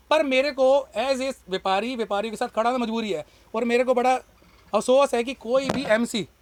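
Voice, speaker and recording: Fast-talking high-voiced shopkeeper man. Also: no echo. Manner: impassioned, argumentative. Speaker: shopkeeper and party worker. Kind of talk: street interview.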